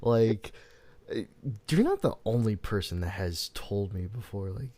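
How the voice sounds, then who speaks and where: This man from the United States, in his late twenties, hosts a podcast and tells stories in casual conversation, animatedly performing the quotes. He speaks a little slowly in a lowish voice, with no room sound in the recording.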